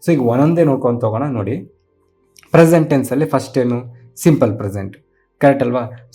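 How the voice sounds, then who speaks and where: Male tutor, mellow low-bright tone, patient repetitive explainer, faint music bed. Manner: patient, repetitive explaining with frequent check-in questions. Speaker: English grammar teacher. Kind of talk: exam-prep grammar lesson, explaining step by step.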